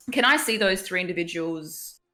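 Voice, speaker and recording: Woman player, fairly low voice, playful and questioning, faint music behind. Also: lively intonation, slow, pushed and bright. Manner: playful, asking many questions. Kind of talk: tabletop role-play.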